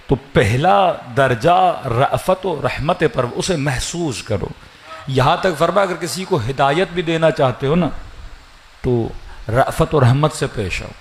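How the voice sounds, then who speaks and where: Man preaching in dramatic storytelling bursts. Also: slight background noise. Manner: dramatic storytelling, rising pitch and shouted emphasis. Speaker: religious scholar preaching at a mourning gathering. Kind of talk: Muharram majlis sermon.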